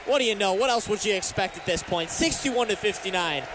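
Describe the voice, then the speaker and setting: With a crowd audible behind him, an American man calls basketball play-by-play from courtside in a high, animated, brisk voice. He works as a radio announcer and sports talk host, and the live arena broadcast has faint background noise.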